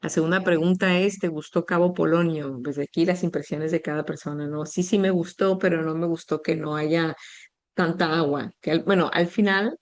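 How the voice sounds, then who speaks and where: Low-voiced woman teaching conversation. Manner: calm, explanatory, reading quoted examples slowly. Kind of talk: explaining class materials.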